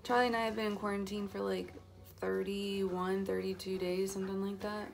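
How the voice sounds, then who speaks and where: A woman's voice: medium pitch, level tone, normal speed, gravelly. A woman in her twenties, a mom, chatting casually to camera in a light, self-mocking vlog. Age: 20s. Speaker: vlogger and mom.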